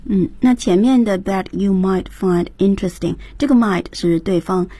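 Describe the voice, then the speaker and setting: A woman's voice: mid-range voice, normal speed, dark tone, breathy edge, no echo. A woman hosting a radio English lesson, reading English dialogue lines and prompting the teacher. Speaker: radio program host. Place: radio studio.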